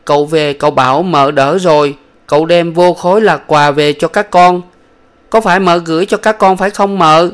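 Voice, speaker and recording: A man doing an eager, high young boy. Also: moderate pace, clean tone, lightly acted. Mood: earnest. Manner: eager, pleading, childlike. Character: young boy, earnest and talkative.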